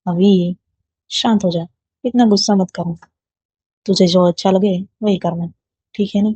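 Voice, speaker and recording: A woman reading a storybook voicing a patient, caring middle-aged father who speaks softly and reassuringly. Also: medium pitch, fairly even intonation, a little slow, breathy edge, no echo. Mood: gentle. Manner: soft, reassuring. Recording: dull lo-fi dry recording.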